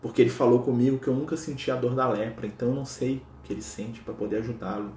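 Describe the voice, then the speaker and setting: Man doing a humble teary friar, soft pleading voice, brazilian accent, echoey. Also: medium pitch, steady tone, fast, slight background noise, lightly acted. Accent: Brazilian Portuguese. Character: humble weeping saintly friar. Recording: roomy echo.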